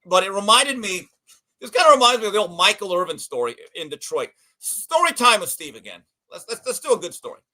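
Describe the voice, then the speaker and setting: A man hosting a casual sports podcast, telling a story with animated delivery and acted voices. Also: sits high, brisk, low-quality recording. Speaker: podcast host.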